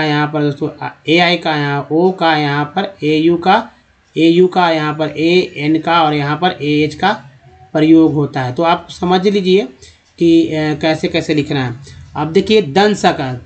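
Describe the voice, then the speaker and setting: A man teaching spelling in English letters, drilling syllables one by one and checking in with viewers. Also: a little high. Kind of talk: spoken alphabet lesson.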